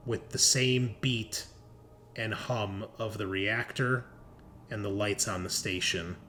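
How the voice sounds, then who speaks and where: Here a man serves as game master for a tabletop roleplaying session, making up the narration as he goes in a chatty way and often stopping mid-sentence to think. His voice is fairly low yet bright, with a forceful delivery. There's a slight hiss or hum in the recording.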